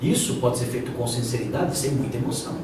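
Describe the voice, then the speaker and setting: Heard through a distant mic in a noisy, echoey room, a man with a mid-range voice talks quickly. He's a pastor teaching theology in a conversational style, frequently imitating the voices of those he quotes.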